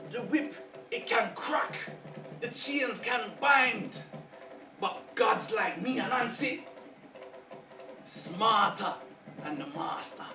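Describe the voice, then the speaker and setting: Someone doing an old trickster spider spirit, jamaican accent, slow rhythmic chuckly talk, kinda far off in an echoey room, music under it. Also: medium pitch, lightly acted. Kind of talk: spoken-word performance. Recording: roomy distant voice over music.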